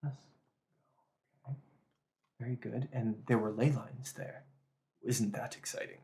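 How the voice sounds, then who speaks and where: A man voicing a distracted, evasive male magic teacher who is far older than he looks, in a breathy voice. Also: medium pitch, fairly even intonation, unhurried, mellow, close to an everyday voice. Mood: musing.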